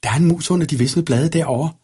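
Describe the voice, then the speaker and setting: A man's voice: on the high side, dark tone, slightly rough, pitched above the performer's own voice. Brombær, a man doing an eager wolf-boy. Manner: eager, quick. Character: young elf boy turned wolf, eager and proud.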